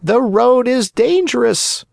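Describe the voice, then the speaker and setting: A man's voice: very high voice, animated, slow, gravelly, a little mellow, dry recording, studio quality, voice pushed up, full character voice. A man voicing the faint ghost of a small, preachy male cricket who gives advice. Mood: pleading. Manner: faint, otherworldly, lecturing.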